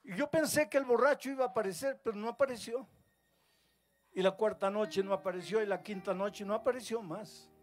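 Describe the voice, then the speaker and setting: A pastor tells a story from the pulpit in a somewhat high voice. He builds to loud, rising peaks, then drops to soft, low lines. Gentle music plays faintly behind the man. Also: a little fast. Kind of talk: storytelling sermon. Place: live university event.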